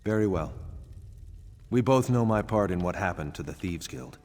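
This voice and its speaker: A man's voice: fairly low pitch, lively intonation, moderate pace, a little mellow, lightly acted. An actor playing a retired thief turned painter, a resigned married man, with theatrical, confessional delivery in a video game. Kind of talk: video game character dialogue. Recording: long reverb, music behind.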